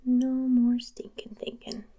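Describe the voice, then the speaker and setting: Slow breathy woman in whispered role-play. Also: fairly high pitch, completely flat delivery, warm tone. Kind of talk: whispered ASMR role-play, a soothing brain-cleaning session.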